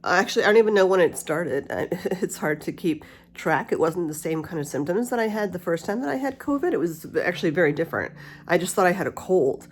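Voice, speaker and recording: In a casual personal vlog, a middle-aged woman with a lowish voice talks quickly and candidly, rambling a bit. She has a slight lisp from her retainer, and the steady hiss of a cool mist humidifier plus faint spa music can be heard.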